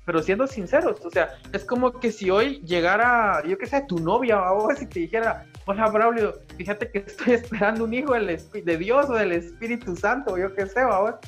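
A man's voice: sits high, moderate pace, hardly any pauses, fairly bright tone, soft background music. A young man with a Central American Spanish accent, co-hosting a casual podcast chat, joking and slangy, laughing often. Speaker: podcast co-host.

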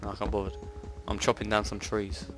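A man's voice: lowish voice, completely flat delivery, a little fast, fairly bright tone, faint music behind. A young man, joking and laughing while playing a game with a friend, sometimes yelping in surprise. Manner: joking, laughs a lot, yelps when surprised. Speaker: let's play co-host. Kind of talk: casual gaming chat.

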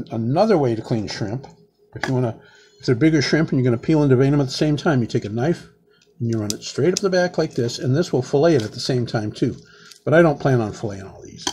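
A home cooking vlogger in his sixties peels shrimp in his kitchen, chatting casually and rambling in a casual cooking demonstration while saying "man" a lot. His medium-pitched voice is mellow, picked up by a camera close on a table with a little hiss or hum.

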